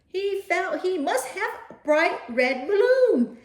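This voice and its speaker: A woman speaks to young children as a read-aloud host, in simple, direct phrases. Her delivery is slow-paced, with lively swings in pitch. The recording has a noticeable room echo. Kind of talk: expressive storybook read-aloud and talk addressed to children.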